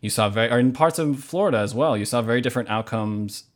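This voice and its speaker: A fast-talking American man from Hawaii with a medium-pitched voice appears as a podcast guest. He's a novelist giving earnest, reflective interview answers in conversation, searching for his words as he goes.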